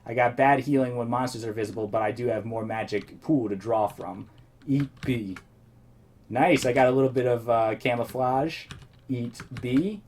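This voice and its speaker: Thinking out loud as he plays, this male let's play host rambles at a moderate pace in a medium-pitched, slightly mellow voice. There's a bit of background noise, and his voice is a little worn, like it's starting to go.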